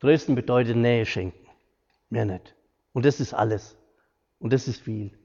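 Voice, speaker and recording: A man's voice: mid-range voice, moderate pace, gravelly, a little mellow, breathy edge. A middle-aged man, giving an informal talk from his hospital work, earnest and homely, acting out quoted dialogue. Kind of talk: informal lecture with personal stories. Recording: echoey hall, dull lo-fi sound.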